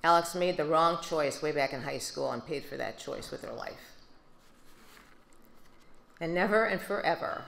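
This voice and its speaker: An older woman with a Midwestern American accent, giving a steady, subdued prepared speech at a podium into a handheld mic. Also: low voice, gravelly, a little hiss or hum. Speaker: grieving mother giving a speech. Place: large banquet hall. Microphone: handheld microphone. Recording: echoey banquet hall.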